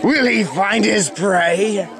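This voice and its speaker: A man's voice: high-pitched, takes it slowly, voice pushed up. Man putting on an Australian wildlife narrator, crowd around. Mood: dramatic, suspenseful. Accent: put-on Australian. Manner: dramatic. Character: Australian male wildlife documentary narrator in the North Pole. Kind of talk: mock nature documentary narration. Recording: outdoor camcorder amid loud crowd chatter.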